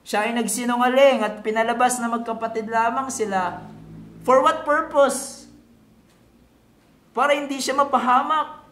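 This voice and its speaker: This Filipino pastor, heard in an echoey room, has a very high, slightly bright voice and talks a little slowly with frequent pauses. His sermon blends Tagalog and English and is didactic, leaning on rhetorical questions and repeated key words.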